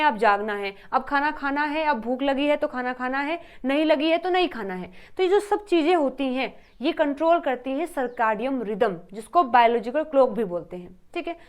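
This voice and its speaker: A woman giving an exam-prep lecture, asking questions and then answering them herself, and repeating her key points. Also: high voice. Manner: mixes English terms into Hindi explanation. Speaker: teacher.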